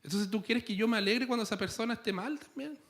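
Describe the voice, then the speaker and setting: This pastor speaks with a Chilean Spanish accent, his voice high, quick and fairly bright. Preaching in church, he stays playful and conversational, throwing rhetorical questions at his listeners.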